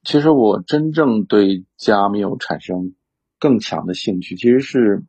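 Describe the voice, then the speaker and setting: Husky, gravelly man musing about books. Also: on the low side, measured pace, warm tone. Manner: reflective, many fillers and restarts. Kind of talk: casual conversational discussion about books. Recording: dull lo-fi sound.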